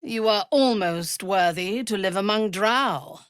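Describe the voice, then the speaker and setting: A woman playing Minthara, a haughty, ruthless drow elf warrior in a video game, with a husky, breathy voice and deliberate, formal, commanding delivery. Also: mid-range voice, no room sound, studio quality, close to an everyday voice. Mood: imperious. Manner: imperious, deliberate, formal diction. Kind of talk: video game voice acting, dramatic character lines.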